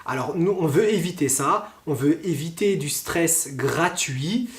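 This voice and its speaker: A French-accented man gives a pronunciation lesson in a slow, careful way, pausing often to find his words. His voice sits a little high for a man. The room adds a clear echo around him. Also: expressive. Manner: slow, deliberate, with frequent hesitations. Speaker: French teacher.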